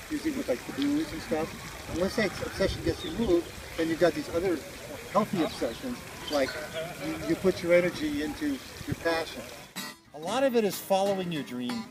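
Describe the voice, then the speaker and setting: Being interviewed beside a beach park, the same middle-aged musician from Hawaii muses in a rambling, reflective way, his fairly high voice animated and moderately paced. Music plays under him, the recording is low quality, and loud outdoor noise with vehicles intrudes.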